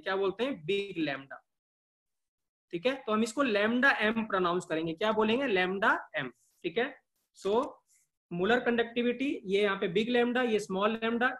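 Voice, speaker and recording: Teacher who quizzes his class nonstop. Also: high voice. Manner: keeps asking questions and answering them himself; drills key terms by repeating them. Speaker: chemistry teacher. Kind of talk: live online class lecture.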